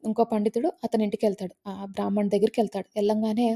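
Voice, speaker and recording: A woman's voice: mid-range voice, flat delivery, very fast, warm tone. A woman, a meditation teacher, telling a story in a casual spoken way, retelling it conversationally with fillers and restarts.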